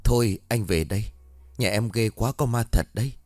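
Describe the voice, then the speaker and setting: A man's voice: fairly low pitch, normal speed, a little mellow, no echo, natural voice. A man voicing a nervous village man who stammers his questions in a ghost story. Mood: uneasy. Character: timid middle-aged village man, lover.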